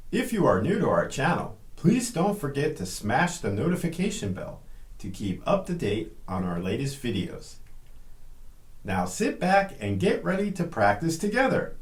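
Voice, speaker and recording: A man with an American accent teaching English pronunciation, enunciating deliberately as in a scripted phonics drill. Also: a little high, huge pitch swings, reverberant. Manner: deliberate, clearly enunciated delivery. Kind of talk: scripted phonics lesson with slow repeat-after-me word drills.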